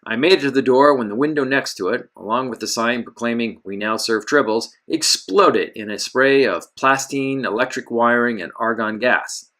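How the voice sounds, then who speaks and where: A man's voice: mid-range voice, moderate pace, few pauses, a bit bright. A man narrating a first-person pulp adventure story with wisecracking, self-mocking, hard-boiled asides.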